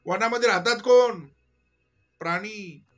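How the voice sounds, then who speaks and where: High-voiced man preaching. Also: measured pace. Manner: rhetorical questions, swings from soft to loud. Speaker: spiritual teacher. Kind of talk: devotional discourse.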